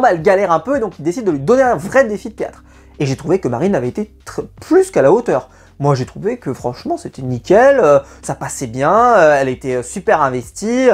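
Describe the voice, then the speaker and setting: A YouTube reality-TV reviewer gives a casual, opinionated video review of a TV show. Her voice is fairly low and darkish, and she's chatty and full of hesitations.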